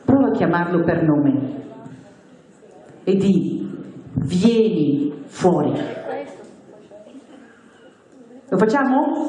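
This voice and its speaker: A woman's voice: a little high, darkish tone. A woman preaching a sermon with passion, repeating phrases and crying out names. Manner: impassioned, repetitive, crying out names. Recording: very echoey hall with faint music.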